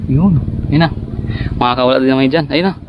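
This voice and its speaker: A man's voice: medium pitch, quick pace. Guy narrating his fishing trip to the camera, gets all hyped when fish bite, dull muffled outdoor audio w a bit of hiss. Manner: excited bursts, chatty, addresses viewers as guys. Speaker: vlogger. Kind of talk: casual fishing vlog narration. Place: outdoors by the water, rural.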